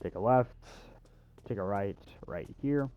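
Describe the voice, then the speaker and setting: Over game music and sound effects, a young man delivers sarcastic, laid-back walkthrough commentary laced with crude humor. His voice sits fairly low and moves a little slowly, with phone-quality sound.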